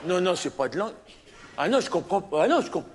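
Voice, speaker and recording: A man's voice: high voice, big pitch swings, fast, very noisy. A man playing a brash young candidate at an oral English exam, argumentative and stammering, on a live comedy stage. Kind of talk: stand-up character sketch. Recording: live stage show, loud laughing crowd. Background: audience laughter.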